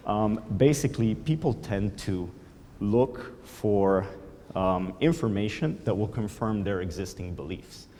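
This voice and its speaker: Here a man whose mother tongue is Slovenian lectures at a conference in a large, reverberant hall, often saying um as he explains. His lowish, dark voice is expressive and a little slow, with a faint hiss or hum in the background.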